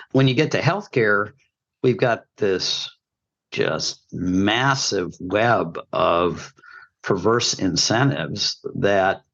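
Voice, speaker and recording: Low-voiced man giving emphatic commentary. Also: fairly bright tone, highs cut off. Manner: emphatic, opinionated, lecture-like points. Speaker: podcast commentator. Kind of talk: podcast discussion, opinion commentary.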